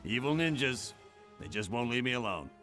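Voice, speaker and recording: Man as animated, tough Colonel Fury. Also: medium pitch, normal speed, over loud music, close to an everyday voice. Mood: gruff. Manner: brusque, punchy. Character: tough, combative male spy colonel. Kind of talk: video game character acting.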